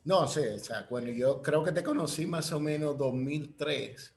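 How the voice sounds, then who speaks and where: A man's voice: fairly high pitch, a little slow, vocal fry. A man hosting an online panel talk, hesitant with restarts. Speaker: host.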